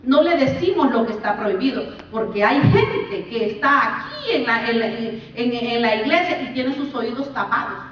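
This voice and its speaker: A woman's voice: a little high, lively intonation, normal speed, hardly any pauses, slight background noise. Woman preaching in an echoey church. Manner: preaching with emphatic rises and drops. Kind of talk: sermon. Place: church sanctuary. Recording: echoey far-off church mic, dull sound.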